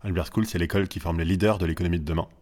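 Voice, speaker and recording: A man in his twenties, a school founder, speaking as a guest in relaxed interview talk with frequent fillers. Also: low-pitched. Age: 20s. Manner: fast, measured, many fillers. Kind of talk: casual interview chat.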